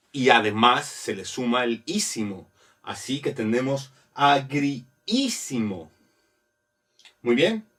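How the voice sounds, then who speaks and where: A man teaching a grammar lesson, explaining slowly step by step and spelling letters out. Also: medium pitch, fairly bright tone, recorded from a distance. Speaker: Spanish teacher.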